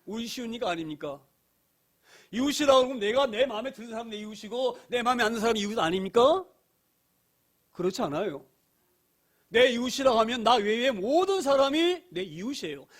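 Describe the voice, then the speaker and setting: A man's voice: very high voice, expressive, brisk. A middle-aged male pastor preaching a sermon in a church, stressing each point with repeated phrases, rhetorical questions and cries of hallelujah. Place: church sanctuary.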